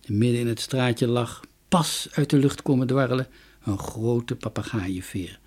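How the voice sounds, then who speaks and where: A man reading a children's storybook aloud, expressive and with shifting loudness. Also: medium pitch, moderate pace, breathy edge. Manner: expressive, varying loudness and pace.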